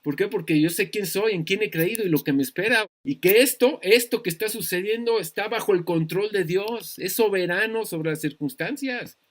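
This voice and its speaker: A man with a Mexican accent teaches a Bible study as a pastor, speaking in a high voice. He preaches in an animated way and throws out rhetorical questions as he teaches. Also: moderate pace, hardly any pauses.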